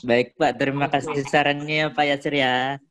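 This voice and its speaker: A man calling in for advice, answering slowly and agreeably. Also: medium pitch, level tone, a bit bright. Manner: slow, agreeable backchannel replies. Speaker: caller asking for advice. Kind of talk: casual call-in chat.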